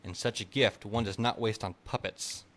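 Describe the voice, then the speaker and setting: A man's voice: lowish voice, fairly even intonation, normal speed, fairly bright tone, lightly acted. An author reading aloud, a man voicing a weary, dignified knight who speaks dry and clipped.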